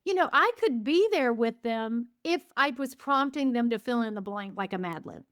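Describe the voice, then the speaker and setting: Speaking a little high, a woman in her fifties who coaches gratitude and writes books chats as a podcast guest. Her enthusiastic storytelling speeds up and slows down, and she keeps quoting herself; the studio sound is clean and echo-free.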